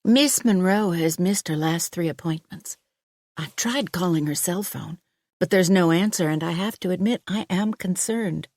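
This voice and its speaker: A woman's voice: fairly low pitch, normal speed, a little mellow, no echo, natural voice. A woman reading a concerned, careful female doctor in an audiobook, polite and earnest.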